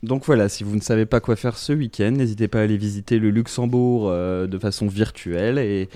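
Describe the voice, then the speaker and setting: Podcast host, soft dark voice, dry recording, joking and casual delivery. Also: medium pitch, brisk, no echo.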